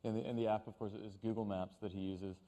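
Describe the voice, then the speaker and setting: A man interviewing two actors, asking questions in a measured, hesitant way with pauses. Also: on the low side, flat delivery, dark tone, long reverb tail. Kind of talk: press interview.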